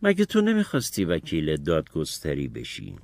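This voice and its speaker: Man doing stern father, deep, husky, lively pitch, dry sound. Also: no room sound, heavily acted. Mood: firm. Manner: firm, measured, scolding. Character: Atticus, calm stern lawyer father.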